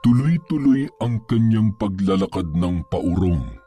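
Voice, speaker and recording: A man narrating a scripted horror story in a measured, suspenseful storytelling manner. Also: low-pitched, expressive, warm tone, breathy edge, soft background music.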